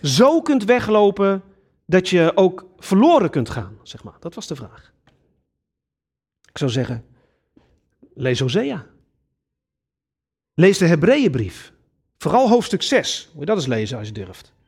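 A man's voice: high-pitched, measured pace, pauses often, breathy edge. A man preaching a sermon, earnest and emphatic, addressing his congregation directly. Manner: earnest, lively preaching with sudden emphatic rises.

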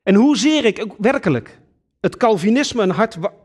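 A man's voice: high voice, moderate pace, breathy edge. A man preaching a sermon, earnest and emphatic, addressing his congregation directly. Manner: earnest, lively preaching with sudden emphatic rises.

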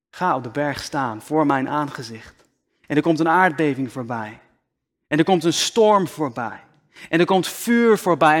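A man preaching a sermon slowly and deliberately, often dropping to a near-whisper for emphasis, speaking into a microphone. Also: on the high side, a bit bright. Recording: long hall reverb.

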